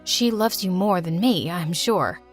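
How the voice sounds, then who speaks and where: A woman's voice: fairly low pitch, lively intonation, a little slow, soft background music. A remorseful birth mother. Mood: earnest.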